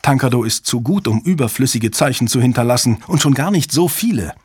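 A man voicing an urgent young female technician who shouts her reports excitedly. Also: mid-range voice, a little fast, breathy edge, no echo, studio quality.

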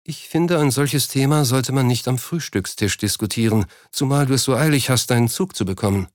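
A man reading an audiobook, voicing an unhappy, reproachful wealthy wife in a raised, softer voice. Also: mid-range voice, a little fast, dry recording, studio quality, natural voice. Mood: cool. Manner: softly reproachful, drops her voice. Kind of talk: audiobook character voice.

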